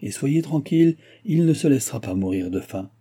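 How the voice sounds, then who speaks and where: Audiobook: sly young maid, read by a man, husky and dark. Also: medium pitch, lively intonation, fairly quick, pitched above the performer's own voice. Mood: saucy. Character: pert young maidservant, sly and saucy.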